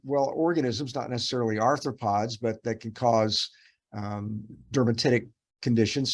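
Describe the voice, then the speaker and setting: Over a video call, a man with a medium-pitched voice teaches a dermatopathology case review. He explains patiently, with many fillers and restarts.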